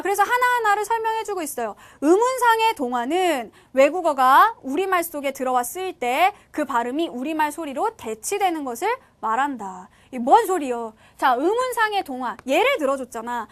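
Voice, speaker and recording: A woman lectures her students in a lively, sing-song way, her high voice swooping up and down. She keeps tossing questions to the class and answering them herself. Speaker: teacher.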